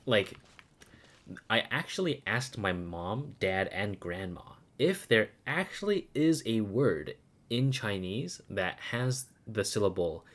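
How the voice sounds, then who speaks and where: A man streaming in a casual, opinionated, sweary style with animated delivery. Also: mid-range voice. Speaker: streamer reviewing game voice dubs.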